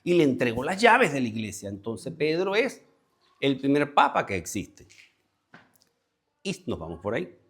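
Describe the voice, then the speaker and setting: A man's voice: medium pitch, wildly swooping pitch, normal speed, long pauses. A man leading a Bible study before a congregation, explaining word meanings step by step and repeating key words for emphasis. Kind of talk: conversational Bible teaching. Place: church meeting with a congregation present.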